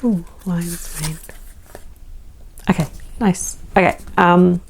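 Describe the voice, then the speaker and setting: A woman's voice: lowish voice, steady tone, slow, husky. An Australian woman reading oracle cards, chatty and rambling with self-deprecating asides. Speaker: oracle card reader. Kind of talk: casual spoken intro to a card reading.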